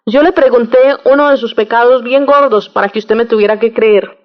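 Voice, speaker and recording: A woman's voice: a little high, brisk, lightly acted. A woman voicing an eager nun insisting to her priest, in a slightly muffled radio recording. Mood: insistent.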